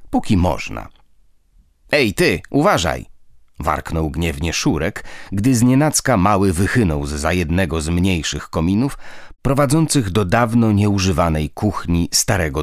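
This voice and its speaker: Deep-voiced lively audiobook narrator, man. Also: normal speed, no room sound, studio quality. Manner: lively storytelling. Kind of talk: scripted narration.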